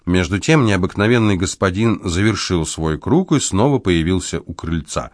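A man narrating an audiobook in a measured, expressive storytelling voice. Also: low-pitched, dry recording, studio quality. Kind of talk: scripted narration.

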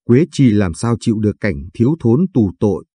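A man voicing a worried elderly mother in an audio story, reading in a heavy, troubled tone with a dark, husky voice. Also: on the low side, animated, moderate pace, no echo.

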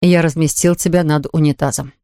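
A man's voice: a little high, quick pace, no room sound. Man reading a novel aloud, dry sound. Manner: even, plain reading with dialogue. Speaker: audiobook narrator. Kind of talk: scripted narration.

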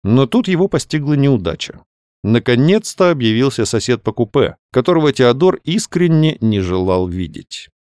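A man narrating an audiobook in a measured, storytelling way. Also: medium pitch, sing-song, a little mellow, clean tone, no room sound, clean studio sound. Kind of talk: scripted narration.

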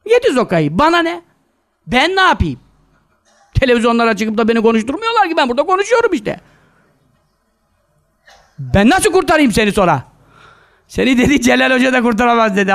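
A male preacher with a very high voice that leaps up and down, scolding his listeners and firing rhetorical questions at them. He works quoted Arabic scripture into his talk. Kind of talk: sermon to a live gathering.

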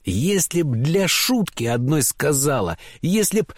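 A man reading a novel aloud in the first person, impassioned, swinging from fervent outbursts to a low confessional tone. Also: big pitch swings, measured pace, no room sound, clean studio sound. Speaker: audiobook reader.

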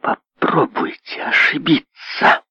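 A man reading an audiobook, raising his voice to play a willful, demanding young heiress who speaks with sharp emphasis. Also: slow pace, no room sound. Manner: demanding, emphatic, swinging to soft. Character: willful rich young woman, heiress, imperious. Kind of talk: audiobook character voice. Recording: dull lo-fi audio.

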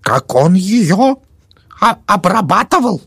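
A man putting on a shrill scolding old woman. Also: sing-song, slow pace, creaky, a bit bright, husky, no room sound, clean studio sound, full character voice. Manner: shrill, accusing, whispering.

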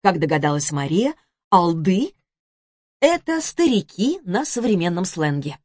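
Женщина размеренно и выразительно читает аудиокнигу. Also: female voice, on the low side, sing-song, moderate pace, darkish tone, no echo, studio quality. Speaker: audiobook narrator. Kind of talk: scripted narration.

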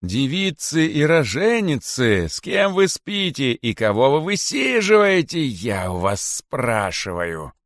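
Guy doing a grand old python king, high and stretched out, drags each word, wails and yells in mock despair, dry sound. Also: big pitch swings, no room sound, exaggerated voice. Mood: bitter wailing. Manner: slow, drawn-out, wailing declamation. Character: old male python king, bitter and theatrical.

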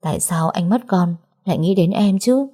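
A woman voicing a coy, scheming young woman in a story, speaking in a soft, cooing, sugary way. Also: on the low side, normal speed, slightly rough. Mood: sweetly menacing. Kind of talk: audiobook character reading.

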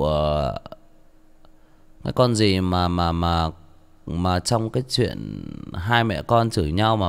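Nam đọc truyện, giọng trầm, mệt. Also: male voice, low-pitched, clean tone. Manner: rambling, many restarts. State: tired. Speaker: audiobook narrator. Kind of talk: story reading and casual chat.

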